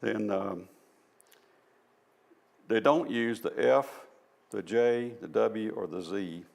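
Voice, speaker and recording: A man's voice: fairly low pitch, slow, gravelly. A man with a Southern US accent giving an informal presentation at a church, explaining things step by step in a folksy, self-deprecating way. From American South. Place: church hall.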